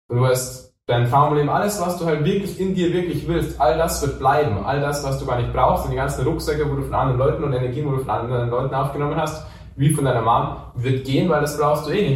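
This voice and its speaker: A man hosting a podcast, talking intensely in slangy, sweary casual chat as he coaches a guest. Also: medium pitch. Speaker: podcast host. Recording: echoey room, voice from a distance.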